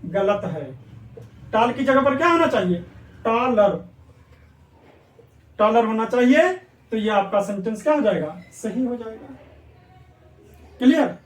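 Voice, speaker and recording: There are long pauses in this animated, very high-pitched man's measured delivery, captured from afar in a room with echo. He's running an exam-prep grammar class in English, asking students questions over and over and answering them on his own.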